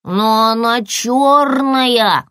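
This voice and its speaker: A woman's voice: mid-range voice, extremely slow, a bit bright, no echo, clean studio sound. Woman voicing a childlike polar bear cub. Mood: earnest.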